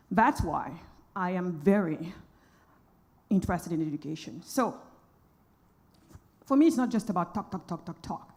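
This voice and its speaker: A woman from Senegal speaks on a conference panel, emphatic and outspoken. Her voice sits at an ordinary middle pitch and her delivery is passionate. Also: darkish tone.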